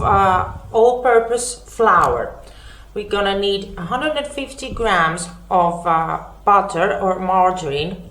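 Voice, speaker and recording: A Greek woman hosts a home cooking lesson, talking chattily with many fillers and self-corrections. Her voice is medium-pitched and a little bright, with noticeable reverb.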